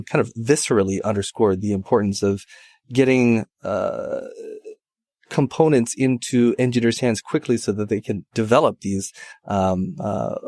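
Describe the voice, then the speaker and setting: A man from Hawaii hosts an interview in a somewhat low voice. He speaks reflectively and hesitantly, with many fillers, and the close recording sounds dry. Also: darkish tone, no echo. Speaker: podcast host. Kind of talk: casual interview conversation.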